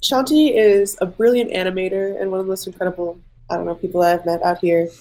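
Speaking quickly in a low, dark voice with a steady tone, this young artist of mixed Egyptian and Irish heritage rambles through a casual interview. She fills her speech with plenty of "like."

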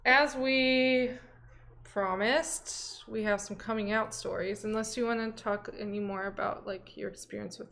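A woman's voice: medium pitch, fairly even intonation, a little slow, creaky, fairly bright tone, a little hiss or hum. A young woman co-hosting a casual podcast, speaking candidly and hesitantly, with lots of filler words. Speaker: podcast co-host. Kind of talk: casual chat.

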